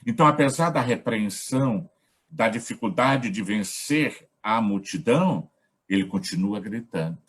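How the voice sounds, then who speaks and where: A man with a Brazilian accent facilitating a gospel study, talking in a measured, reflective way in short phrases. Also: on the low side, expressive, a bit bright, slightly rough. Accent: Brazilian Portuguese. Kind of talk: reflective spiritual talk.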